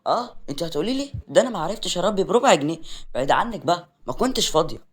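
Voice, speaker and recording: رجل يؤدي أمًّا مصرية مرحة. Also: male voice, sits high, big pitch swings, rapid-fire, husky, voice pushed up, full character voice. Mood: joking. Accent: Egyptian. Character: joking middle-aged mother.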